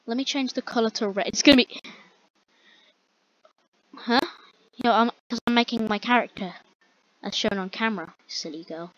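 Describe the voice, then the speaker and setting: A young woman giving rambling, exasperated commentary on a slow-loading online game while chatting with a friend. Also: on the high side. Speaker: gamer. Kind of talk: casual gameplay commentary. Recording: dull lo-fi dry recording.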